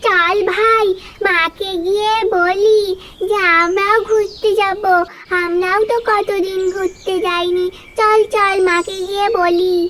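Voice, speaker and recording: A woman's voice: extremely high pitch, fairly even intonation, slow, fairly bright tone, a little hiss or hum, voice pushed up, full character voice. A woman voicing an eager young girl, the elder sister, coaxing and insistent.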